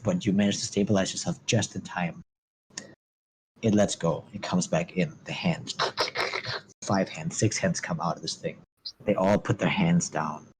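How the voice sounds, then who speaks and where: A man running a tabletop game as game master, improvising narration and chatting casually. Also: low voice. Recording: faint background noise.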